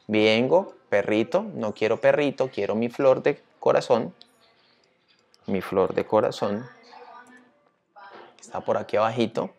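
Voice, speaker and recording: Guy teacher, chatty and upbeat, keeps asking the viewer stuff, mid-pitched voice. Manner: lively, chatty, asks the viewer questions often. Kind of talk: screen-share tutorial.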